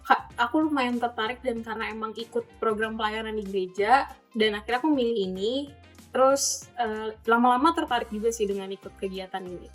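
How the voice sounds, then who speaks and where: A woman's voice: on the high side, a little fast, soft background music. A nineteen-year-old woman, a university student volunteer, answering interview questions in a casual, easy way.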